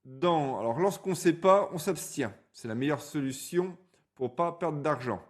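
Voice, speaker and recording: A man's voice: on the high side, lively intonation, moderate pace. A man hosting a stock chart channel, giving blunt, colloquial market commentary over a screen recording, stumbling over words now and then.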